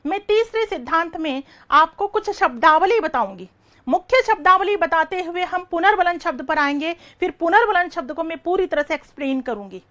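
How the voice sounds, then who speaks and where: A woman teaching an online exam-prep lecture, firing quick questions, repeating each answer and calling her students "beta". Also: very high-pitched, lively intonation, sharp tone.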